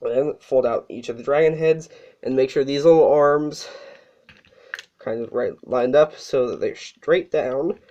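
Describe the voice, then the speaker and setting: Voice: medium pitch, measured pace, warm tone. A toy reviewer talking casually through a hands-on review, sick and a little out of breath, with fillers and self-corrections. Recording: dull lo-fi recording.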